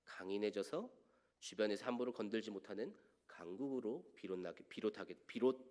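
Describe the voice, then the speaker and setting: A man's voice: on the low side, fairly quick. Earnest Korean male pastor preaching. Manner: earnest preaching with rhetorical questions, swelling and dropping to quiet line endings. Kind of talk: sermon. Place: church sanctuary.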